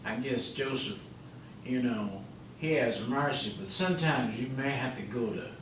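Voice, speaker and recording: A male pastor preaching a sermon, swinging between loud emphatic calls and quiet asides, often saying "you know" and "amen". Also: medium pitch, measured pace, a little hiss or hum. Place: church sanctuary. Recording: echoey church, mic at a distance.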